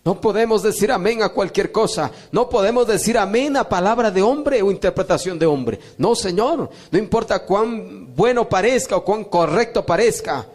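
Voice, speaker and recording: High-voiced man preaching an emphatic sermon. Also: expressive, normal speed, few pauses, a little mellow. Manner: emphatic, repetitive preaching with rising calls of amen. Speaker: pastor.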